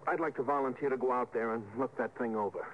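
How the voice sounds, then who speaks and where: A man's voice: mid-range voice, quick pace, close to an everyday voice. An eager male junior spaceship officer, played by an actor in old radio drama. He sounds earnest and deferential, with urgency. The recording is tinny and narrow, with a faint hiss. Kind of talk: 1950s radio drama acting.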